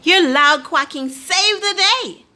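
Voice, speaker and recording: A woman reading a children's storybook aloud and voicing a quiet, gentle little quail with a soft, timid manner. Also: extremely high pitch, animated, slow pace, voice pushed up, full character voice. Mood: plaintive.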